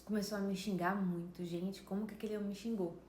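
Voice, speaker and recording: A woman's voice: mid-range voice, steady tone, fast, darkish tone, slight background noise. A woman around fifty with a Brazilian Portuguese accent, emphatically telling a story straight to her viewers. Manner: emphatic, often addresses viewers directly. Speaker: vlogger. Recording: echoey room with faint ambience.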